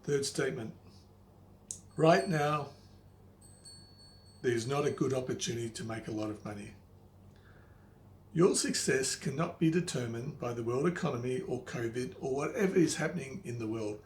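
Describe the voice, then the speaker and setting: Older male, wise elder mentor type for motivational instruction. Didactic, plain-spoken, mid-range pitch, recorded in an echoey room. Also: normal speed, pauses often. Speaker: money coach, presenter. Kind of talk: motivational instructional monologue to the viewer. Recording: echoey room, faint background noise.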